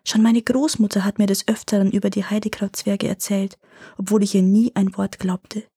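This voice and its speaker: Woman reading as a greedy young farm lad, storybook tale, eager and exclaiming, mellow husky voice, dry close sound. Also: medium pitch, moderate pace, no echo. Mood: whispered wonder.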